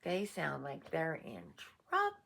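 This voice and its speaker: Slow, lively woman reading a storybook. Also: low-pitched, gravelly, breathy edge. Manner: slow, animated, chatty asides. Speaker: storybook reader. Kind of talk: reading a picture book aloud to a dog.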